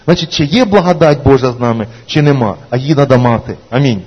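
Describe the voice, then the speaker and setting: A man's voice: mid-range voice, animated, fast, husky. Man preaching in an echoey church. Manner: preaching, repeated "amen", rising emphatic calls. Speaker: pastor. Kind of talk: sermon. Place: church hall. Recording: echoey church hall, dull lo-fi sound.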